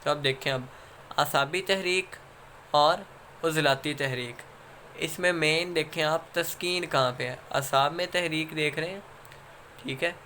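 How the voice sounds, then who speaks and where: A Pakistani-accented man gives a lecture in a fairly high, bright, forceful voice. He explains step by step, pauses on fillers and keeps checking in with his students. Faint hiss sits under the recording. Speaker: instructor.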